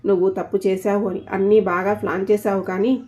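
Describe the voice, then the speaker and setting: A woman's voice: mid-range voice, little pitch movement, a little fast, warm tone, natural voice. A woman voicing a stern young man who angrily scolds a friend in an audio story. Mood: angry. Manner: scolding, accusing. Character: stern young male boss, angry friend.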